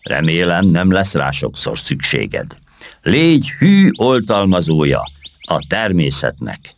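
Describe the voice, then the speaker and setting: A man doing a noble young beetle king, kindly and calm. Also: low voice, creaky, slight background noise, full character voice.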